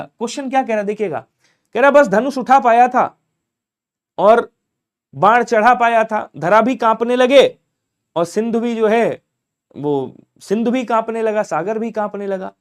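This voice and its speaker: Male Hindi tutor, fairly high voice, steady explaining tone that poses a question and then answers it, exam-prep video lesson. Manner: explains answers step by step, asks and answers his own questions.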